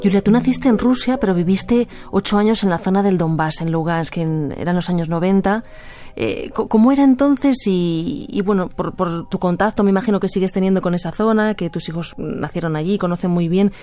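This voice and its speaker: A woman hosting a news podcast, reading a scripted introduction and asking interview questions in a clear, measured way. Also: lowish voice, warm tone.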